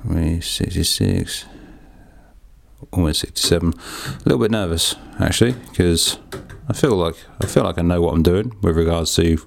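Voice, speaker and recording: A low-voiced man with a gravelly, crackly edge, talking in a loose, rambling way. He pokes fun at himself and swears casually as he works through a task, like a podcast host chatting to his listeners. He speaks from a small, echoey home darkroom. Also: animated, normal speed. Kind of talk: casual hands-on monologue.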